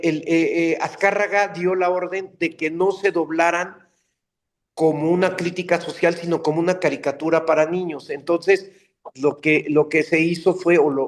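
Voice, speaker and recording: An older man, a dubbing actor telling stories in a casual interview, animated and slipping into character voices. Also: a little high. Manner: animated, slips into character voices mid-story. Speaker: voice actor and dubbing director guest.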